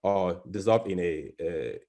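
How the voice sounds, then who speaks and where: In a low-pitched voice with a dark tone, a biology professor from Cameroon gives an academic presentation by video call. His speech is halting, broken up by numerous fillers and restarts.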